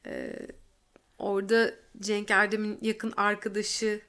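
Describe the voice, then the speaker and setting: A woman's voice: medium pitch, flat delivery, takes it slowly, a bit bright, smooth. A woman co-hosting a podcast in casual chat, often hesitant as she searches for words. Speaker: podcast co-host.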